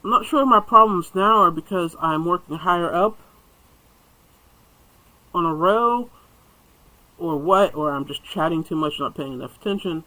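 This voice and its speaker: A man's voice: on the high side, sharp tone, rough recording. A man chatting casually while he crochets and reviews hooks on camera, rambling and muttering asides to himself.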